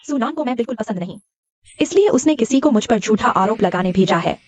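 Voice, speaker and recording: A woman's voice: fairly high pitch, animated, fairly quick, darkish tone, no echo. An actress dubbing a frail, scheming young woman who pleads and plays the victim. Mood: pleading. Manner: pleading and self-pitying. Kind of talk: dubbed drama acting.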